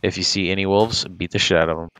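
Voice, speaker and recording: A man's voice: low-pitched, steady tone, fast talker, a bit bright, no echo, poor audio. A man chatting casually over gameplay with a friend like a hyped gamer bro, slangy and sweary. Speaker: gaming streamer.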